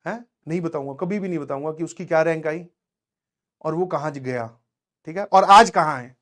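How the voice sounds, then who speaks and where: High-voiced man giving a motivational class talk. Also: normal speed. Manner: animated storytelling, addresses students directly with frequent "samajh mein aaya?". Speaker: coaching teacher.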